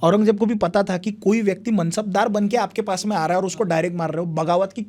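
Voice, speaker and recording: Man, young adult, high voice, history guest, animated storytelling. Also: fast. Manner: animated retelling with repeated phrases, acts out quotes. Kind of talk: conversational storytelling.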